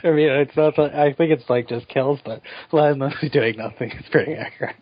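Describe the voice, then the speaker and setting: A man's voice: medium pitch, brisk, no echo, lo-fi sound. A man co-hosting a podcast in casual chat, with dry, wry remarks. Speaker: podcast co-host.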